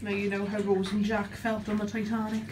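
A woman's voice: medium pitch, monotone, a little fast. A British woman in her twenties chatting casually from behind the camera in a small tiled bathroom. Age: 20s. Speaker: camera operator. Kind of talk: casual chat. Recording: distant mic, clear background noise.

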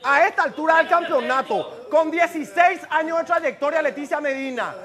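High-voiced exasperated TV host man. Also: moderate pace. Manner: shouting, exasperated, pleading. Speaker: TV show host. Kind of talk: live TV prank show hosting. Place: TV studio with live audience. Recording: studio audience noise.

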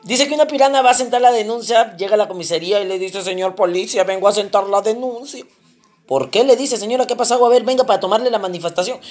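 A comedian from Piura with a Piuran accent telling risqué jokes and jumping into character voices. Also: female voice, fast. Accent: Peruvian, Piura. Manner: animated, jumps into high squealing character voices. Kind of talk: joke telling with acted voices.

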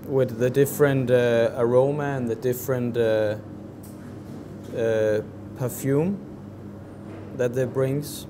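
Slow, halting chef at a kitchen counter. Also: male voice, medium pitch, fairly even intonation, background noise. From Denmark. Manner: slow, halting, many fillers. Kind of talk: cooking demonstration. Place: large professional kitchen.

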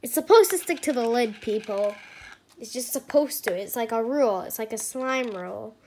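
A woman's voice: a little high, animated, normal speed, a little mellow. A woman hosting a comedic slime skit, exasperated and sarcastic, with lots of fillers. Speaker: channel owner.

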